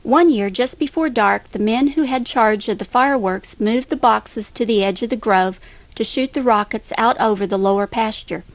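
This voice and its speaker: A woman reading a nostalgic memoir aloud as a narrator, in a steady, unhurried storytelling manner. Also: a little high, no room sound, rough recording.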